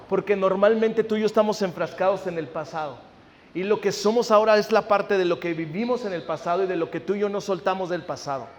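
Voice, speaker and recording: A male pastor, preaching a sermon, often checking in with listeners and acting out family conversations. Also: high-pitched. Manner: acts out family dialogue in anecdotes. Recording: long hall reverb.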